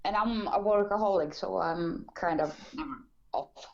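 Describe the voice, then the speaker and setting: A Swedish woman in her thirties, a guest chatting in English in a friendly, soft-spoken way. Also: medium pitch, moderate pace, creaky, dull audio. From Sweden. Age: 30s. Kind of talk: casual chat over video call.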